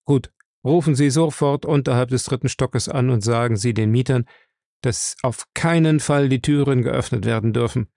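A man reading aloud, voicing a terse, Scottish-born detective in a low, gravelly voice. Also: moderate pace, dark tone, dry recording, studio quality, natural voice. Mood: urgent. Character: tense Scottish-born male police detective.

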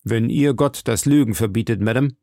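A man's voice: mid-range voice, moderate pace, mellow, dry recording, clean studio sound, natural voice. A man reading an audiobook, voicing an earnest young army officer who speaks firmly and dutifully.

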